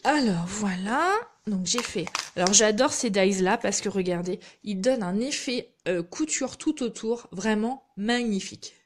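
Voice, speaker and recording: Her voice mid-range, expressive, and unhurried, a woman demonstrates a craft on a live stream. She keeps up chatty commentary on her hands-on work, sprinkled with little side remarks.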